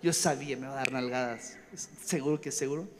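A man's voice: mid-range voice, fast. A young man preaching a storytelling sermon at a conference. He rambles from one anecdote to the next, jokes and acts out voices. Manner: animated, rambling, jumps between stories. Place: conference hall stage. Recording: reverberant hall, faint ambience.

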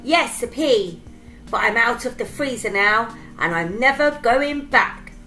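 A woman's voice: a little high, animated, unhurried, sharp tone, faint music behind. A woman voicing an evil little pea villain with a shrieking, gloating manner in a storybook reading.

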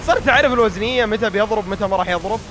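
Rapid-fire Gulf Arabic gamer, tired voice. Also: male voice, high-pitched, background noise. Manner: grumbling, self-mocking, talks straight to viewers. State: tired, strained voice. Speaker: gaming YouTuber. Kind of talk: casual gameplay commentary.

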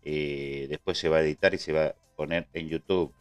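A man's voice: rumbling low, steady tone, moderate pace, clear, resonant tone, soft background music. A man with an Argentine accent hosting a casual live trading stream, chatting loosely and answering his viewers. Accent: Argentine Spanish. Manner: chatty, answers chat and thanks subscribers.

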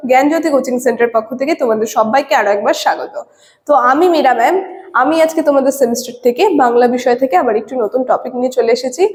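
A woman's voice: sits high, rapid-fire. A woman teacher giving a classroom lecture, explaining patiently and often checking in with her students. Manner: explains patiently, often adds tag questions. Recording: echoey room reverb.

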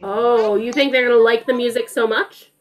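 A teacher with a somewhat high, steady voice reads a storybook aloud to a group of young children at a normal speed. Along the way she asks them questions, encouraging them in a warm, teacherly manner.

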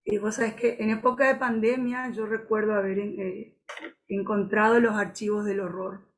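A woman on a video call giving a slow, reflective personal testimony, halting often and restarting her sentences. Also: mid-range voice, flat delivery. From Paraguay border region. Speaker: audience member.

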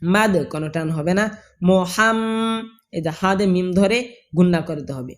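Speaking in a high voice with a Bangladeshi Bengali accent, a man walks through proper recitation sound by sound before slowly chanting the phrase at length.

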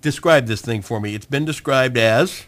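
A man's voice: mid-range voice, normal speed, fairly bright tone. A man hosting a radio studio interview, joking and chuckling as he talks with his guests. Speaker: radio host.

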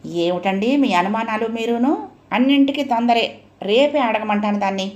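A woman's voice: on the high side, moderate pace, a little mellow, lo-fi sound, close to an everyday voice. A woman voicing a middle-aged mother who coaxes and pleads with her husband, in an audio story. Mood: pleading. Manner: coaxing, pleading.

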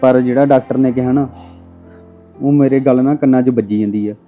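A man's voice: medium pitch, steady tone, fairly quick, phone-quality sound, soft background music, lightly acted. An actor playing a worried young husband who earnestly reassures an older woman. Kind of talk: village drama acting.

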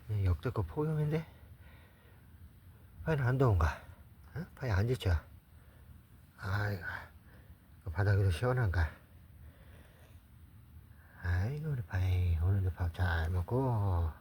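A man talking softly and fondly to his pets, coaxing and praising them over and over. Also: on the low side, animated, a little slow, pauses often, a little hiss or hum. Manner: doting, coaxing, repeats soft praise. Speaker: pet owner. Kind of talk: cooing talk to pets.

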